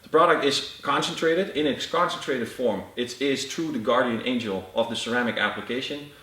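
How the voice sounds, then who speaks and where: A man explains car-care products in technical detail, pausing often with fillers. He sits back from the microphone, and the room adds a clear echo. His pitch sits in the middle range. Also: sharp tone, far from the mic. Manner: halting, with frequent uh fillers. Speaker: product expert. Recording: roomy echo, off-mic.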